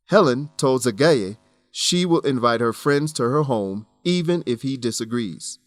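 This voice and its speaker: Clear, instructional enunciation marks this medium-pitched man as he reads scripted educational narration for an English lesson. He narrates an English-teaching radio program, and there is no echo.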